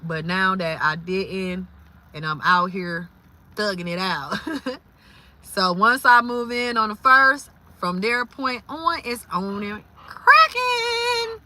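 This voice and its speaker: Bright-voiced, lively woman streamer. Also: mid-range voice, takes it slowly. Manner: lively, exclaims and laughs often. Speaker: live streamer. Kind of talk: casual faith talk livestream.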